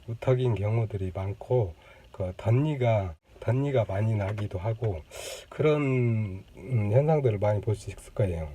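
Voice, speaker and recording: A man speaks straight to the camera as host of his own channel, explaining at an easy pace. His voice is very dark and mellow, with a middling pitch. He pauses often, fills the gaps with "uh" and "um," and acts out the sounds he describes. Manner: thoughtful, many fillers, demonstrates sounds. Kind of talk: casual explanatory talk to camera. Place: indoors on a lunch break. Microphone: camera mic.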